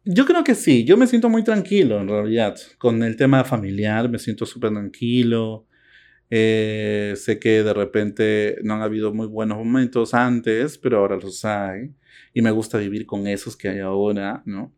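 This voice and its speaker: Hombre peruano conversando con calma. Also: male voice, on the low side, normal speed. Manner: reflective, teasing, with many fillers. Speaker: podcast co-host. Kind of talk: casual conversation.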